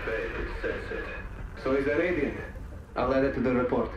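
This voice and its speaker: An actor playing a pragmatic, probing operative in a game, speaking in a businesslike way. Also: male voice, medium pitch, moderate pace, slight background noise, natural voice. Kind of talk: scripted video game drama. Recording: distant, muffled, echoey, music behind.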